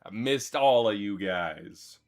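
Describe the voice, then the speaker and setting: Unhurried man chatting to his stream. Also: on the low side, faint music behind. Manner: relaxed, thanks chat, chuckles often. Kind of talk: casual live-stream chat.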